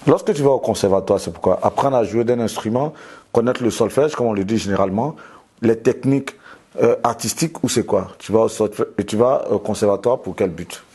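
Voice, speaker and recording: Husky low-voiced male interviewer. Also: a little fast, warm tone. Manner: probing, addresses the guest informally with follow-up questions. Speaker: interviewer for an online celebrity news channel. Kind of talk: casual conversational interview. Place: guest's home.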